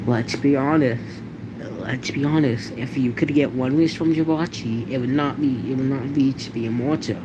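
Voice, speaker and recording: A man giving casual, rambling commentary on a video, halting and repeating himself. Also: lo-fi sound. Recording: noisy recording with background rumble.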